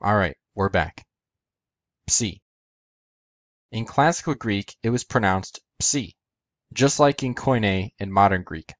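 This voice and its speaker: Low-voiced man explaining step by step. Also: moderate pace, hardly any pauses, dry recording. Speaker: educational video host. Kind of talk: scripted explanatory narration.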